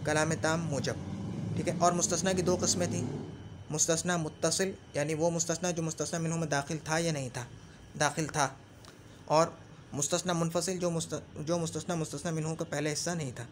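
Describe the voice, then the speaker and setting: A man gives a patient grammar lesson, saying each example phrase over and over and pausing to check that the student follows. His voice sits a little high for a man. A faint hiss runs under the recording. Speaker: Arabic grammar teacher. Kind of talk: explanatory lesson.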